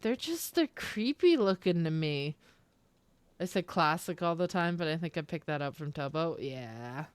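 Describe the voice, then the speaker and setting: A woman's voice: low voice, lively intonation, normal speed, a little hiss or hum. A young Canadian woman streaming a game, chatting casually with her viewers in a rambling, self-interrupting way and laughing often. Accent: Canadian, with some British-sounding words. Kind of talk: casual chat with live chat while gaming.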